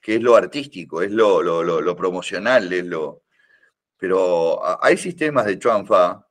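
Here, an older man with a Rioplatense Spanish accent talks as a guest in a relaxed podcast chat; he's a karate teacher who teases and rambles with many fillers and restarts. His deep voice moves with lively intonation at a slightly slow pace.

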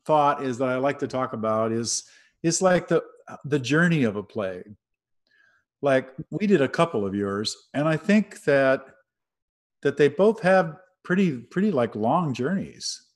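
A middle-aged man at a mid-range pitch hosts a chat over a webcam from a room at home. He speaks in a relaxed, conversational way and moves the talk along with easy questions. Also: unhurried. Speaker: host. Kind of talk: casual video-call interview. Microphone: webcam on video call.

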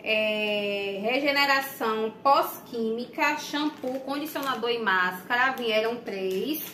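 A young Brazilian woman with a Bahian accent talks straight to her viewers, cheerful, with a bright voice set a bit high. The sound comes off a camera mic in a small bare room that echoes. Faint street sounds hang in the background. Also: slow pace, a little hiss or hum. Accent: Bahian Brazilian Portuguese. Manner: chatty, addresses viewers often. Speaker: vlogger. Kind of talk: casual unboxing chat. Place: small room indoors, plain wall.

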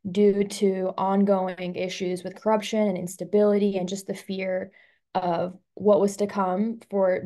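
A young adult Albanian woman with a warm, mid-range voice gives a webinar presentation as a student over a video call. She speaks casually, filling her talk with lots of "um" and "like."

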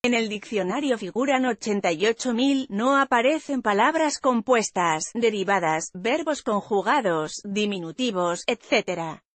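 A woman reading a news article aloud in an even, measured way, as a news voice-over. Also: a little high, no echo. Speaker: news reader.

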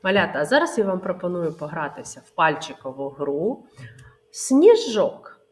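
A woman kindergarten teacher leading a literacy lesson for small children, sounding out words syllable by syllable in a slow sing-song. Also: low voice, animated, slight background noise. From Ukraine.

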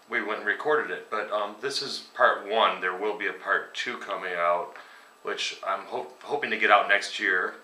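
Low-sitting and bright, with a forceful edge, this man's voice belongs to a metal band singer in his forties chatting through an interview at home. He rambles loosely, drops many ums, and chuckles over grim stories while seated at a dining room table, his voice a bit distant in the echoey room.

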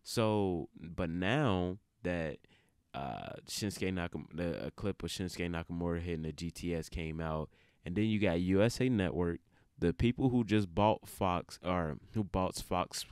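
A man with a very low, resonant voice delivers casual opinion commentary. He talks colloquially, breaking off into asides. The recording is dry and close. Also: moderate pace, a little mellow, smooth, no room sound. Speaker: video creator.

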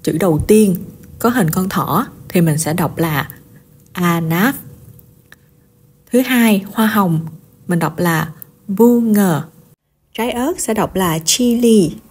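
A woman leads a slow, patient pronunciation lesson, sounding out syllables one by one. Her voice is slightly husky, with a middle pitch. She explains each point in plain, simple terms. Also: animated, a little mellow. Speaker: language teacher vlogger.

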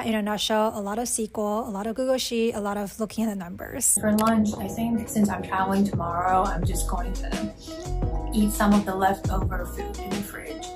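A woman in her twenties from Taiwan, talking casually through her work day in a vlog, with a relaxed manner and frequent "like". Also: mid-range voice. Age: 20s. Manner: relaxed, uses "like" often. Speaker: business analyst vlogger. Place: apartment home office, indoors. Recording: background music under voice.

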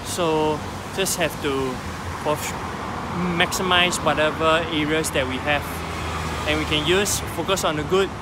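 Man vlogging beside loud traffic. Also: a little high, fairly even intonation, measured pace. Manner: explanatory, thinks aloud with fillers. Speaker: feng shui consultant. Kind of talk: walking selfie vlog. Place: outdoors by a busy road. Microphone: phone at arm's length. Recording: loud street traffic noise behind.

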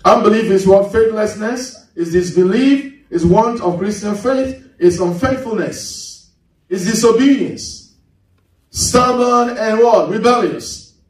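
A man's voice: high-pitched, takes it slowly. A male pastor preaching a sermon, quizzing the congregation with call-and-response questions and repeating key words for emphasis. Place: church. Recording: very echoey church hall, mic at a distance.

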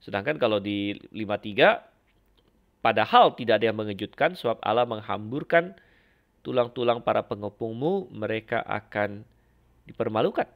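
A man giving a Bible lesson, explaining slowly with frequent fillers and restarts as he compares passages. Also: on the low side, animated, vocal fry. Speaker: Bible teacher. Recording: dull lo-fi lecture recording.

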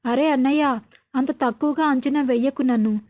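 A woman's voice: high-pitched, steady tone, moderate pace, a little mellow, close to an everyday voice. A woman reading the lines of a cheeky younger sister in a serial retelling, playful and teasing.

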